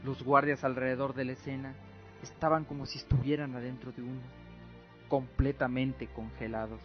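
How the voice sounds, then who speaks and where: A man narrates a radio drama, reading dramatic scripted lines in a mid-range voice with a flat delivery at normal speed. The audio is muffled, with faint music in the background.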